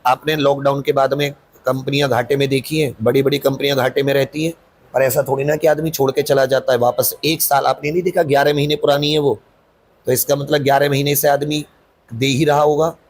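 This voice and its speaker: Husky-voiced teacher guy, defensive and rambling, keeps pushing his point. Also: mid-range voice, little pitch movement, a little fast. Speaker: coaching teacher. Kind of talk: interview answers.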